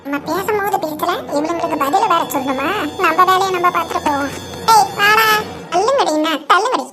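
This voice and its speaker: Woman voicing a defiant quarrelsome cartoon woman; very high pitch, loud music bed behind. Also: a little fast. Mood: taunting. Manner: defiant, taunting retorts. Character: rude newcomer woman, adult, defiant and quarrelsome. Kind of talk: cartoon dub voice acting. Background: loud background music.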